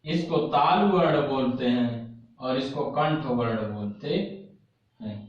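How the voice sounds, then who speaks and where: A man teaching an online class, asking questions and answering them himself, repeating key terms and slowly demonstrating sounds. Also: mid-range voice, expressive. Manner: slow, drawn-out demonstration of sounds. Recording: very echoey, dull lo-fi room recording.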